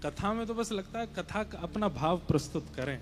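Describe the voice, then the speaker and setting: A man's voice: high voice, lively intonation, normal speed, a little hiss or hum. A young man giving a devotional sermon to a seated audience in a large hall, chanting verses and earnestly urging everyone to listen closely. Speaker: kathavachak preacher.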